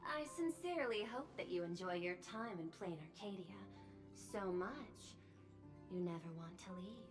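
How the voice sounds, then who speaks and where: A woman's voice: mid-range voice, lively intonation, normal speed, music in the background, natural voice. An actress voicing a poised, calculating woman CEO in a video game, formal and faintly menacing.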